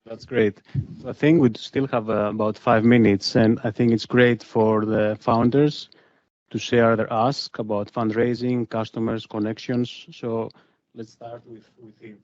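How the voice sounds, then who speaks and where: A man's voice: medium pitch, flat delivery, a little slow, a little mellow, no room sound, muffled recording. A man moderating a live panel discussion, speaking as the moderator.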